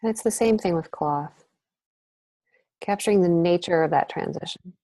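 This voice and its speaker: Woman painting instructor, low and dry-sounding, chatty and thinking aloud mid-demo. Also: moderate pace, dark tone, dry recording. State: breathing heavily while painting. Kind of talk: live painting demonstration. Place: art studio.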